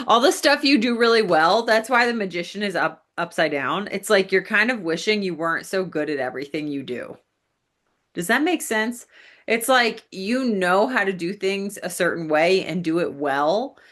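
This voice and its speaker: A woman's voice: on the low side, fairly bright tone. A woman giving a casual tarot reading, talking straight to the listener in a chatty way with lots of fillers. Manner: chatty, addresses the listener directly, many fillers. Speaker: tarot reader.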